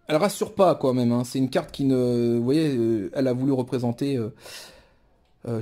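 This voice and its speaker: A man's voice: mid-range voice, dark tone. A man casually presenting a tarot deck card by card, musing aloud with many fillers and restarts. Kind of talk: casual show-and-tell presentation.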